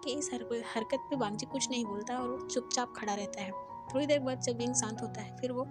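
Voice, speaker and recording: A woman narrating a romance story in a steady, plain way, her voice sitting fairly high. Clear background music plays under her reading. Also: brisk. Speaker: fan fiction storyteller.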